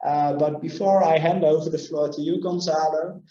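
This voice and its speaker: A man's voice: on the high side, steady tone, moderate pace, warm tone, roomy sound, dull audio. A man opening a webinar as host, hesitant and full of fillers. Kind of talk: webinar introduction.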